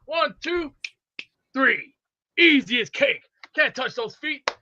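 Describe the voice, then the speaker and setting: A man's voice: extremely high pitch, animated, takes it slowly, background noise. A man chanting and boasting playfully while calling in to a sports show. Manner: chanting, taunting. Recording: dull lo-fi line.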